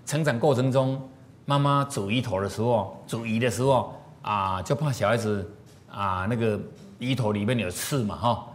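A man's voice: mid-range voice, normal speed, slight background noise. A man giving a moral lecture through stories, often asking the audience questions. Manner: animated, asks the audience questions. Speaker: moral teacher.

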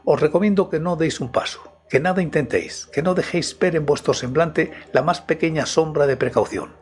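A grave, mysterious nobleman who speaks with calm authority and measured solemnity, as a male narrator puts him on. His lines come steady and commanding, like a man who never doubts himself, in a storybook reading. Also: on the high side, soft background music, natural voice.

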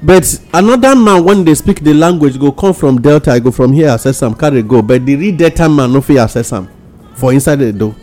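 A man's voice: fairly high pitch, a little fast, darkish tone, faint music behind. A Nigerian man speaking Nigerian Pidgin as host of a radio talk show discussion.

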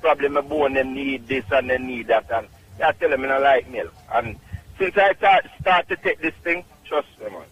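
A man's voice: mid-range voice, normal speed, dull audio. A man with a Jamaican accent calling in to a radio show, talking emphatically and insistently. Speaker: radio caller. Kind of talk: phone-in testimonial.

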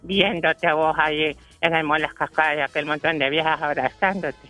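A woman's voice: low-pitched, fairly even intonation, normal speed, pushed and bright, faint music behind. A Honduran woman in her sixties, missing her front teeth, chatting flirtatiously and playfully as a radio caller. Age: 60s. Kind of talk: playful casual chat.

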